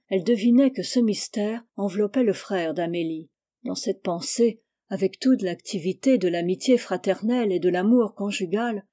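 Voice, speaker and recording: Woman reading a classic novel aloud, dark mellow tone, mid pitch, dramatic delivery. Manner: voices the characters with raised intensity in the quotes. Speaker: audiobook reader.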